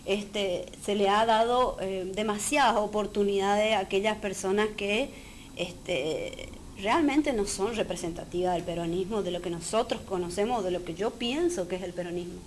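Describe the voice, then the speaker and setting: A woman's voice: mid-range voice, normal speed. Earnest Argentine woman, political guest. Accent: Argentine Spanish. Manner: firm, earnest, uses fillers. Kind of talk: political talk show interview. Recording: faint background noise.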